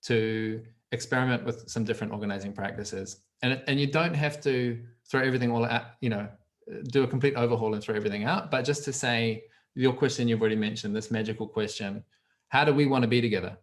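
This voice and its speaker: A man's voice: medium pitch, quick pace. New Zealand man explaining on a call. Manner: meandering, restarts phrases as he thinks. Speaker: trainer. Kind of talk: casual explanation on a group call. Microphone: video call.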